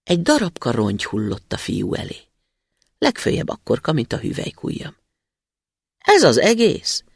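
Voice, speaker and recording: Male storyteller reading a folk tale, animated, gravelly, dry close sound. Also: medium pitch, no echo.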